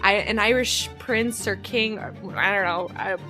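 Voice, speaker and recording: A woman's voice: medium pitch, measured pace, music in the background. A woman co-hosting a podcast, telling stories in a meandering way full of fillers. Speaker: podcast co-host. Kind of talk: casual podcast chat.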